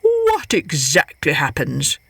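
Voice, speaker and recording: A woman voicing a wily, greedy male trickster coyote in a storybook tale, gloating and coaxing with drawn-out words. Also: sits low, wildly swooping pitch, creaky, husky, dry recording, studio quality, pitched below the performer's own voice, heavily acted. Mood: sly, coaxing. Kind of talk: storybook character voice.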